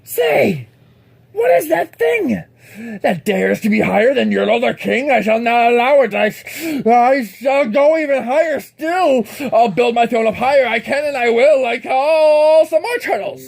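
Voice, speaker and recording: A woman voicing a boastful, bossy male turtle king who shouts and gloats. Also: on the high side, lively intonation, a little slow, vocal fry, heavily acted. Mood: indignant.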